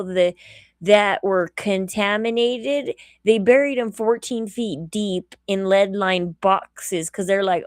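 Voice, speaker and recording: A woman's voice: medium pitch, no echo, studio quality. A tired woman hosting a casual livestream, talking in a rambling, chatty way and correcting herself as she goes. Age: adult. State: tired, yawning. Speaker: livestream host.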